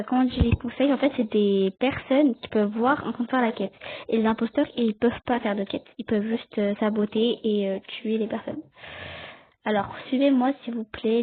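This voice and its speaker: Young-sounding woman gaming on a tinny mic. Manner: chatty, explains rules to viewers, talks back to other players. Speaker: gaming video creator. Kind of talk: casual Let's Play commentary. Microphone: cheap headset or desk mic. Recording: tinny low-quality mic.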